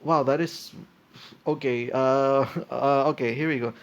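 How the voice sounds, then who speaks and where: Young male podcaster in his twenties, hesitant and talky, thinks out loud with constant ums and restarts, mid-pitched voice. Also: steady tone, unhurried, smooth, lo-fi sound. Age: 20s. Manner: hesitant, full of fillers and restarts, thinking aloud. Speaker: podcast host. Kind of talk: casual solo podcast, reading and reacting.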